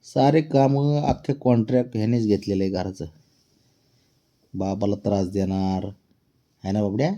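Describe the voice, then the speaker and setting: A man's voice: on the low side, steady tone, normal speed, pauses often, dark tone, dull audio. Man playfully scolding his pet cat. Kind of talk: casual talk to a pet, teasing.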